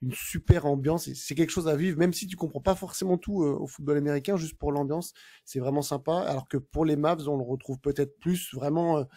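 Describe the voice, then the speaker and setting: A man, co-hosting a podcast in a relaxed conversational way, often pausing and restarting as he explains. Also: fairly high pitch. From France. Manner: hesitant, many filler sounds and restarts while describing places. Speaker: podcast co-host. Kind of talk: casual podcast chat.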